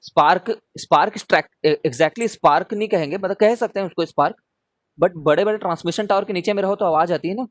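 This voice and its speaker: A man's voice: high voice, fast talker, dry recording. A man teaching a live online revision class, talking casually and often checking in with his students as he answers their questions.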